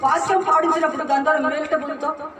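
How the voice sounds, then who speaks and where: A man's voice: very high voice, little pitch movement, very fast, pushed and bright. A pastor preaches to his congregation, pressing them with rhetorical questions and repeated phrases. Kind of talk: Telugu church sermon. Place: church hall with congregation. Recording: roomy, distant, noisy church recording.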